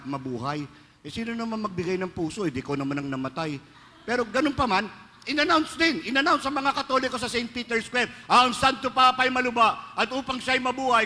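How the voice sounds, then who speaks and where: A man's voice: very high-pitched, fairly quick, pushed and bright, a little hiss or hum. A man with a Filipino accent, a priest giving a joking, storytelling homily that mixes Filipino and English. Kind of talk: sermon. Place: large church. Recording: reverberant church hall, faint ambience.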